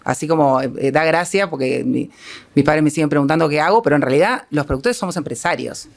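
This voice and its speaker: A film producer with a Uruguayan accent answers as a panel guest, halting and self-deprecating as she thinks aloud. Her voice is low, with vocal fry.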